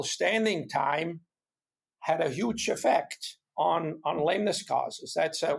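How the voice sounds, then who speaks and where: A middle-aged man from Switzerland with a Swiss accent, a guest talking casually in an interview, halting and earnest, often repeating his words. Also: a little high, creaky, husky. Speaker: guest, hoof care expert.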